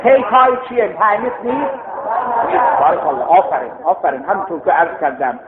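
A man's voice: sits high, a loud crowd. A man teaching a seminary class, explaining step by step, reciting Arabic text and quizzing his students. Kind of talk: classroom lecture. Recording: echoey hall, tinny lo-fi sound.

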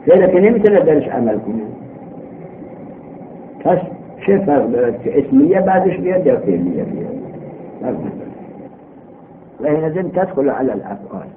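A man teaching a grammar lesson, reading a text aloud in drawn-out phrases, explaining it and asking his own questions, on an old worn tape. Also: on the high side. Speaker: teacher in a religious seminary. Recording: old worn tape, muffled narrow band, faint noise.

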